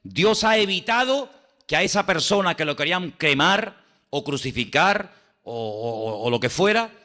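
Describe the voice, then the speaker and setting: A man preaches to his congregation in a church, retelling Bible scenes with animated voices for the characters. His voice sits a little high and rings very bright and forward. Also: a little slow. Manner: animated storytelling, acting out the king and Daniel. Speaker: pastor. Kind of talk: sermon.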